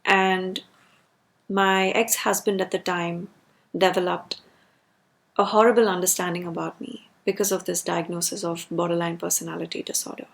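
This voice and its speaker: Creaky-voiced woman in a personal rant. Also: on the low side, little pitch movement, moderate pace. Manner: emphatic, repeats words for stress. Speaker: video creator sharing personal experience.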